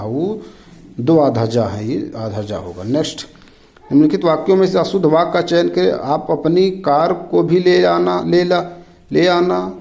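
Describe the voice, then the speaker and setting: A man's voice: on the high side, gravelly, warm tone, poor audio. A man tutoring Hindi exam questions, reading each option aloud and naming the wrong one. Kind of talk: rapid quiz walkthrough.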